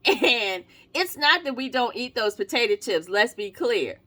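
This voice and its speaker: A woman's voice: fairly high pitch, animated, unhurried, sharp tone. A woman from North Carolina, reviewing a product in a casual vlog, teasing playfully and laughing often as she talks. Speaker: marketing consultant reviewing a product.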